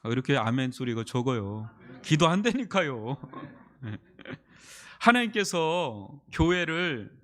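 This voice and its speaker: A man's voice: mid-range voice, big pitch swings, slow, a bit bright. A middle-aged man preaching a sermon as pastor, telling stories and acting out the people in them. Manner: storytelling, acts out quoted dialogue; earnest, emphatic preaching.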